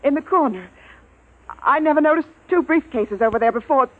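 A woman's voice: high voice, expressive, brisk. An actress playing an anxious female station commander in an old radio drama. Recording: tinny old radio broadcast.

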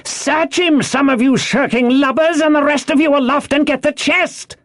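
A man's voice: mid-range voice, sing-song, slow pace, fairly bright tone, voice pushed up, heavily acted. A man voicing a savage old blind pirate leader in an audiobook, roaring and cursing commands. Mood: urgent, commanding. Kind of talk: audiobook character voice.

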